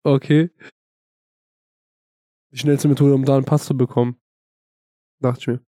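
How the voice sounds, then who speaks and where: A man asks questions in a slangy, casual podcast chat. His voice is darkish and mellow at a middle pitch. The recording is dry and close. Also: level tone, normal speed, no echo. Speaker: podcast co-host.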